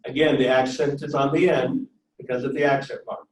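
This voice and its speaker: A man teaching Greek pronunciation in a classroom lecture, speaking step by step and pausing for an interpreter. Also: mid-range voice, flat delivery. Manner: slow, step-by-step, pauses for the interpreter. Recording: echoey room, distant mic, faint noise.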